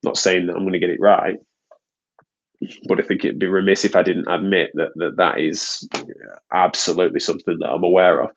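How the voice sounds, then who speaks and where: Brisk and low-pitched with little pitch movement and some creak, this British podcast host is a physiotherapist whose stuffy nose gives him a nasal sound. He rambles casually and restarts often, on dull lo-fi audio.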